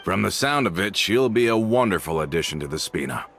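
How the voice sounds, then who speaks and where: A composed, loyal henchman from a video game. His low voice is gravelly and forceful. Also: animated, a little fast, faint music behind. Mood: agreeable. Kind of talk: video game character acting.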